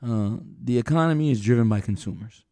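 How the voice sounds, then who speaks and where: A middle-aged man co-hosting a podcast, chatting casually and with opinions, laughing often and thinking out loud with restarts. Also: medium pitch, a little fast, no echo. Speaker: podcast co-host.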